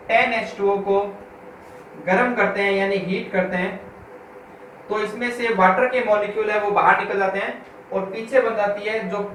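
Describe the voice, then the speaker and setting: A man teaching a school chemistry class. He speaks, asks the class questions and answers them himself, and repeats key terms slowly. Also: high-pitched, fairly bright tone. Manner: reads English textbook lines slowly, word by word. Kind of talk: classroom lecture. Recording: echoey room from far off, with faint noise.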